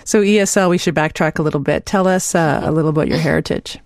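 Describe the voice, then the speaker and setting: Low-voiced woman hosting a podcast. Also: quick pace, darkish tone, no echo, clean studio sound. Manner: friendly, laughs easily. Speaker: podcast host. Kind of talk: conversational interview.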